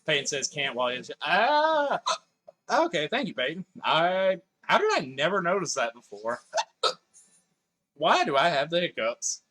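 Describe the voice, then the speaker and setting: A man's voice: on the high side, expressive, moderate pace, pushed and bright. A man streaming a video game live, chatting casually with his viewers and reading their messages aloud as he plays. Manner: chatty, reads chat messages aloud, swears now and then. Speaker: gaming livestreamer. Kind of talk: casual live-stream chat while playing.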